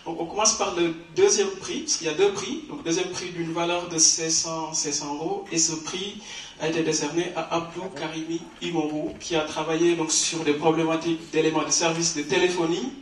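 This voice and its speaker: A man's voice: fairly high pitch, steady tone, a little fast, slight background noise. A man presenting awards at an academic conference, explaining at length with many fillers and restarts. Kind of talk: hesitant spoken announcement. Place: conference hall. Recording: echoey hall from far off.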